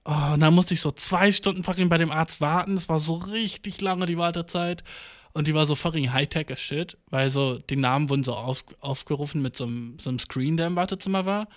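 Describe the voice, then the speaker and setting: A man's voice: on the high side, a little fast. A young man telling rambling everyday anecdotes in a casual, slangy way, swearing and mixing in English words. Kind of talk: casual storytelling monologue.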